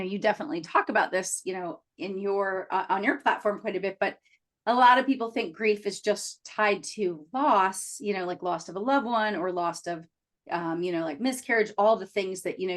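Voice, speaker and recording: A woman's voice: mid-range voice, normal speed. A woman hosting a podcast interview who speaks with eager enthusiasm and often fills her sentences with "you know". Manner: enthusiastic, warm welcome with frequent "you know" fillers. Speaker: podcast host.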